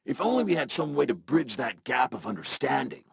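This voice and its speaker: A man gives voice to a laid-back, friendly robot in a video game, talking casually and with slang through a robotic filter. His mid-range voice is gravelly and sing-song, a little fast and mellow, with slight hiss or hum.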